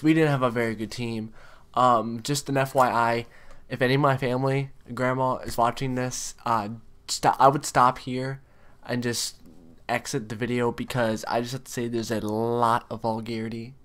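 A man's voice: medium pitch, flat delivery, moderate pace, a bit bright. A man in his twenties talking casually to his viewers as a gaming video creator, recorded in a bedroom. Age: 20s. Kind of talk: casual chat to camera. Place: bedroom, indoors.

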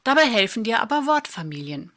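A woman, teaching a spelling lesson in a patient, clear way with dry little asides. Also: fairly high pitch, sing-song, brisk, fairly bright tone. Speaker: German spelling tutor. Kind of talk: slow explanatory lesson.

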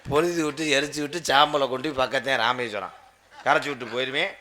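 Bright-voiced mocking stage comic, man. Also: medium pitch, fast talker. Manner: loud, mocking, bombastic banter. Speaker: comic actor playing the groom. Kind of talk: village stage comedy. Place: outdoor village stage.

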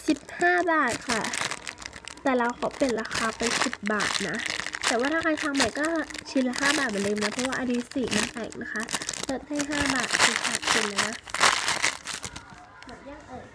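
High-voiced young woman over loud crinkling. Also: normal speed. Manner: chatty, polite ending particles, spells out contact details. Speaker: vlogger selling handmade squishies. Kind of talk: casual product show-and-tell. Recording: loud background noise with crinkling.

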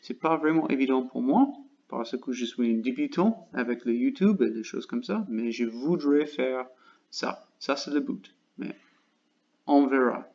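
Male host, American, non-native French speaker; unhurried, hesitant casual vlog delivery; slightly muffled lo-fi audio. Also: medium pitch, darkish tone. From United States. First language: English. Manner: halting learner's French, searching for words with many pauses. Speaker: channel host.

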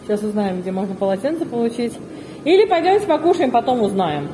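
This middle-aged family vlogger gushes and exclaims while filming a casual travel vlog on a handheld phone at a resort's grounds, corridors and pool. Her pitch is on the high side with big swings, her pace quick and her tone dark, in a noisy recording.

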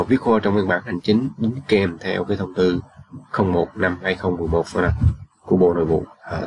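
A man's voice: low-pitched, gravelly. A man explaining a writing rule in a loose, casual way, full of fillers and often checking "right?" with listeners. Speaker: channel host, engineer.

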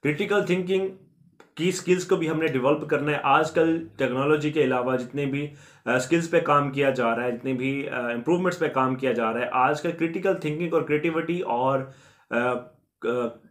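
Earnest man explaining, slightly high voice. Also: moderate pace. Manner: earnest, repetitive explaining with many English terms mixed in. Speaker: YouTube education channel host. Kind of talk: explanatory talk to viewers.

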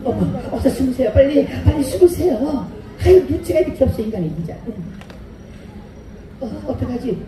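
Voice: high voice, animated, normal speed, noisy background. An actor playing a kind young female schoolteacher in a stage play, flustered and theatrical. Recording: echoey outdoor PA sound from far off.

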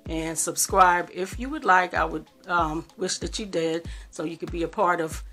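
Woman, middle-aged, lowish voice, rambling homey vlog chat, soft music playing behind. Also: moderate pace. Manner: rambling, homey and affectionate with viewers. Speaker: cooking vlogger. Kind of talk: casual home vlog chat. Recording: faint background music.

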